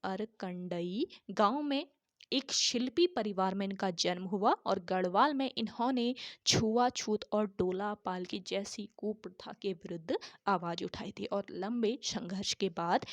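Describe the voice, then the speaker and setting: Teaching exam prep despite a sore throat, a woman tutor repeats every key answer slowly for students taking notes. She speaks in a mid-range voice, and the recording is dry and studio quality.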